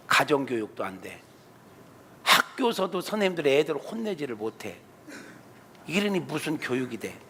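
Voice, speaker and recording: A man, a pastor, preaching a sermon in an animated, colloquial way in a church. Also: a little high, creaky, a little hiss or hum. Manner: animated, colloquial, acts out quotes. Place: church sanctuary. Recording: reverberant church hall.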